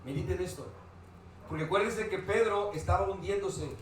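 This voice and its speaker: Male preacher, fairly high voice, booming hall echo, asks the congregation questions. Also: moderate pace, recorded from a distance. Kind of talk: sermon. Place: church hall. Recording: very echoey church hall, faint noise.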